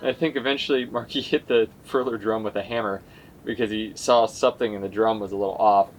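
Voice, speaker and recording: A man's voice: fairly low pitch, fairly even intonation, fast. A man who vlogs about sailing, recounting events in a casual conversational way. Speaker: sailing vlogger. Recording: music playing behind.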